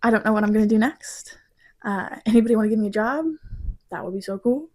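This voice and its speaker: A woman in her twenties, a design student from Missouri, talking about her project in a reflective vlog, halting and emotional at times. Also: medium pitch, darkish tone.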